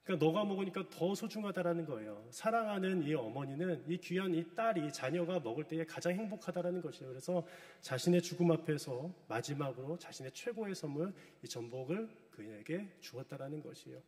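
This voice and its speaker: A man's voice: fairly high pitch, animated, fairly quick, few pauses, darkish tone. A middle-aged man preaching a sermon, telling a story with feeling and asking his listeners questions. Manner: storytelling, retelling a drama with emotion. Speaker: pastor. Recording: long hall reverb.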